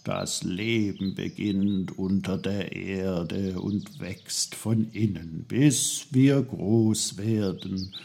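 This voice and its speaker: A man doing a slow, rumbling old tree. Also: steady tone, creaky, warm tone, slight background noise, heavily acted. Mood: calm. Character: old wise talking trees, slow and deep.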